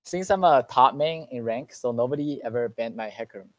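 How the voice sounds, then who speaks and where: A man interviewed after winning a match, answering in short, halting sentences. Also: medium pitch, dry recording. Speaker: player being interviewed.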